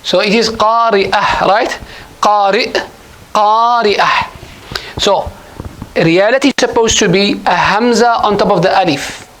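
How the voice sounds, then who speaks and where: A man with a high-pitched, slightly bright voice teaches an Arabic grammar class at a mosque at a measured pace, patient and repetitive, frequently quizzing his students. The classroom lesson is captured in low quality.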